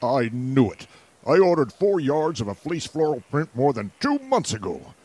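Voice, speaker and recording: A man's voice: medium pitch, big pitch swings, normal speed, darkish tone, no room sound. A man playing a fussy, cowardly Western sheriff who talks hesitantly.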